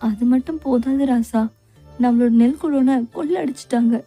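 Woman doing a blunt scolding mother, middle-aged, high voice, mellow tone, dubbed comedy. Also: moderate pace, faint music behind. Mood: worried.

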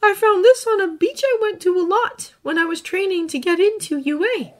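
A woman voicing an earnest teenage boy who sees ghosts, speaking softly and haltingly in a fan fiction audiobook reading. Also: very high-pitched, pitched above the performer's own voice. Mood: tender. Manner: soft, halting, emotional.

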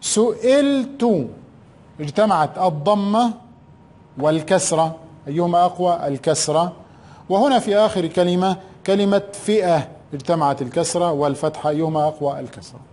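A male teacher giving a recorded grammar lesson. He asks questions, answers them himself, and stretches out key words slowly. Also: on the high side, a little mellow. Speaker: primary school Arabic teacher.

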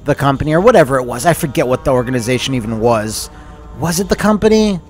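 A young man doing excitable, crude, jokey let's play commentary, breaking into loud bursts. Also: medium pitch, quick pace, soft background music. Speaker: gaming commentator.

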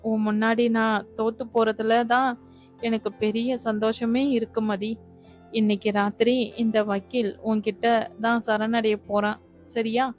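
A woman voicing a devoted lawyer husband who pleads with his wife, in a flat storybook reading. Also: on the high side, unhurried, faint music behind, natural voice. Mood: earnest. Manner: earnest, placating.

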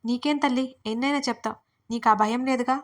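A woman's voice: a little high, little pitch movement, a little fast, fairly bright tone, lightly acted. Woman voicing a fretful, whiny young woman. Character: anxious young woman before an arranged meeting.

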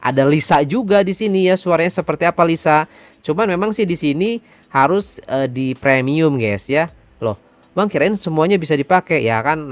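A man, giving an informal software tutorial and addressing viewers like friends. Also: on the high side, no room sound. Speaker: tutorial presenter.

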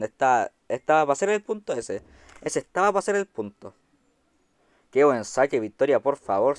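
A man with a Chilean Spanish accent reacts excitedly as he comments on a game, chatting straight to his viewers. His voice sits on the higher side, and the recording is dry and close. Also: dry recording. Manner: excitable, chatty, swears casually, talks to viewers. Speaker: gaming YouTuber.

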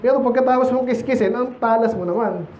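High-voiced Filipino preacher in an echoey church. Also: male voice, fast, a little mellow, a little hiss or hum. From Philippines. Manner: conversational, teasing, many rhetorical questions to the congregation. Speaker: pastor. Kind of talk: sermon. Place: church sanctuary. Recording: echoey, muffled church recording.

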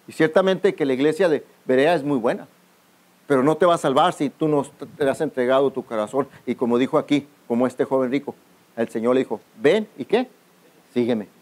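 A man's voice: mid-range voice, steady tone, brisk, a little mellow. A man, a pastor, preaching a youth camp sermon, often addressing listeners as brother and calling for their answers. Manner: calls out to the congregation for responses. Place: outdoor youth camp gathering.

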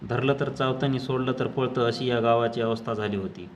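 A storyteller with a Marathi accent, reading a village tale aloud in a measured, even way. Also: male voice, mid-range voice, a little hiss or hum.

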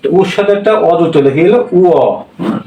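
A man's voice: high voice, animated, fast talker, reverberant, far from the mic, phone-quality sound, a little hiss or hum. A man teaching a language class, drilling sounds with repeated questions. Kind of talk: classroom lesson.

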